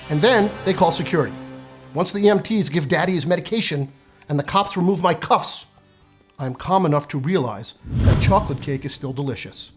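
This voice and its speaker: A man's voice: on the high side, slightly rough. A man in his fifties delivering a scripted comedic monologue, sardonic and profane, with punchy timing. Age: 50s. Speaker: comedic essayist.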